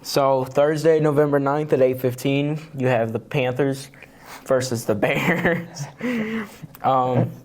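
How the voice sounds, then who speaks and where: A man co-hosting a laid-back sports podcast, sleepy and yawning as he talks. His voice sits at a middling pitch, and he reads through lists of games in an easy, unhurried way. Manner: relaxed, laughs often, reads out schedules. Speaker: podcast co-host. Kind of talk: casual sports chat.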